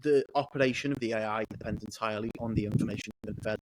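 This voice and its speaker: Flat-voiced man talking earnestly. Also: on the low side, noisy background. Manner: earnest, deliberate, corrects himself. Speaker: podcast host. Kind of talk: casual podcast chat.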